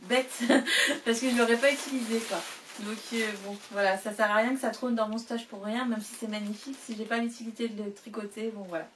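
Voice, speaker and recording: A woman with a fairly high voice talks casually to the camera as a knitting vlogger. She chats freely, with fillers and soft laughs. The mic sits a bit away from her, with faint background noise. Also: far from the mic. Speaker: knitting vlogger showing yarn purchases.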